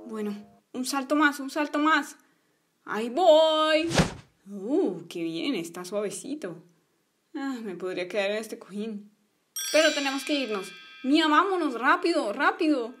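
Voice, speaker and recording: A woman's voice: sits high, animated, measured pace, a bit bright, slight background noise. A woman voicing a bossy, stubborn young boy in a toy play story, whiny in manner. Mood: adventurous.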